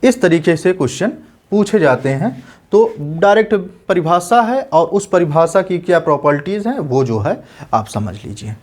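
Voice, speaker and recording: A male teacher giving an exam-prep lesson, explaining patiently and repeating definitions slowly so students can write them down. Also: a little high, animated, a little mellow.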